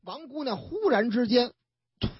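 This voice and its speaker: Lady spinning news yarns on the radio, husky voice, bouncy pitch, dull lo-fi sound. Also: normal speed, dry recording. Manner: chatty, colloquial, animated storytelling with asides. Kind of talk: storytelling news commentary.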